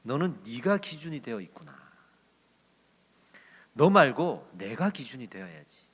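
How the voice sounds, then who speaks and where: A male pastor voicing Jesus, who speaks calmly in a fatherly, reasoning way. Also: mid-range voice, unhurried, husky, big-room sound. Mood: gentle. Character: patient, gently correcting Jesus, male.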